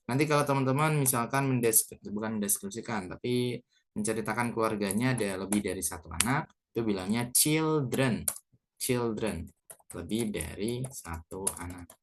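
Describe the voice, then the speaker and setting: A young man with an Indonesian accent teaching a beginner English lesson, slowly repeating each word and mixing English into his explanations. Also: lowish voice, a little hiss or hum. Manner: slow, repeats words, mixes English into explanations.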